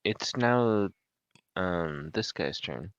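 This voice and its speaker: Deep-voiced joking game master, man. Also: animated, drawn-out words, smooth, dry recording, highs cut off. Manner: hesitant, full of ums, joking sports-style commentary. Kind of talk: narrating a tabletop game.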